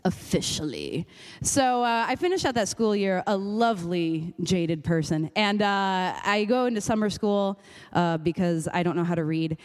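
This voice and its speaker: A young woman telling a comic personal story on stage, self-mocking and lively. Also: mid-range voice, normal speed.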